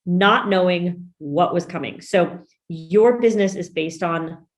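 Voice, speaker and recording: An upbeat woman hosts a business podcast, emphatic and direct. Her voice sits a little low and she talks with lively emphasis. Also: unhurried. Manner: upbeat, emphatic, says "y'all". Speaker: podcast host and business coach. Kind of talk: podcast interview.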